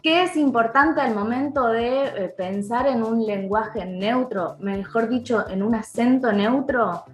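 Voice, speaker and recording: A woman's voice: a little high, measured pace, faint music behind. Argentine woman explaining, echoey room. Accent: Argentine Spanish. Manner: explanatory, demonstrates sounds by repeating words. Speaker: voice-over artist and dubbing actor, guest. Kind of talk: podcast interview.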